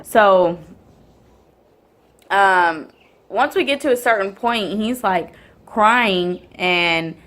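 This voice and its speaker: This is a woman in her twenties or thirties, speaking straight to the camera in a casual storytelling vlog. She rambles, restarts sentences and fills the gaps with um and you know. Her pitch sits in the middle of the range. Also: drawn-out words, pauses often, a bit bright. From Houston area, Texas. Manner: rambling, many ums and restarts. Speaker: vlogger and mother.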